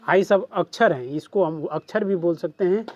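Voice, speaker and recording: A man's voice: high-pitched, moderate pace, a little mellow, muffled recording. A man with a Bhojpuri accent teaching a class, who keeps asking questions back to his students. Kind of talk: classroom lesson.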